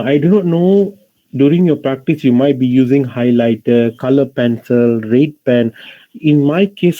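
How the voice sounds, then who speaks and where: A man's voice: mid-range voice, phone-quality sound. A man with a Malaysian accent teaching an English class in Malaysian English slang mixed with Malay, explaining didactically and often addressing his students.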